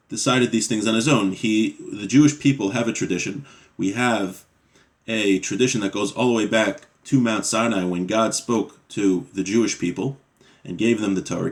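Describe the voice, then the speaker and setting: At medium pitch, a man leads a weekly religious study class, reading passages in Hebrew before translating and explaining them in conversational English. He often checks in with "right?" and "you know."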